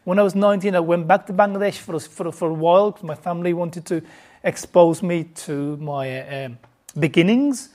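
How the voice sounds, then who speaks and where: Teaching a Bible lesson to a group, a woman speaks informally in a mellow, fairly low voice at a fairly quick clip. She often stumbles and restarts her sentences and keeps asking her listeners questions.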